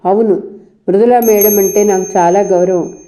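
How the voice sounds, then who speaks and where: A woman's voice: mid-range voice, steady tone, moderate pace, warm tone, natural voice. A woman voicing a surly, insolent rich young man in a storybook reading, speaking in curt lines.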